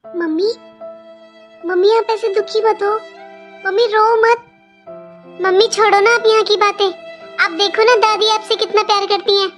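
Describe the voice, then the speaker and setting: A woman's voice: fairly even intonation, moderate pace, long pauses, fairly bright tone, faint music behind. A woman voicing an outspoken young girl in a cartoon, talking in a pleading, earnest way. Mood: consoling. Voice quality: high childlike voice. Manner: pleading and talkative. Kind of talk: cartoon voice acting.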